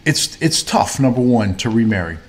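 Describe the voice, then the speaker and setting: Man, mid-pitched, casual rambling co-host voice. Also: lively intonation, moderate pace. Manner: rambling, many fillers and restarts. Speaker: podcast co-host. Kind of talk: casual faith-based chat.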